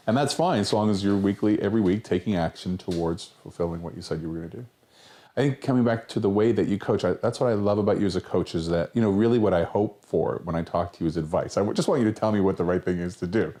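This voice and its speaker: A man's voice: low-pitched, dark tone. A man who is a longtime coaching client, speaking as a guest in a casual chat and agreeing often. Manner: agreeable, frequent short affirmations. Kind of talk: casual conversation.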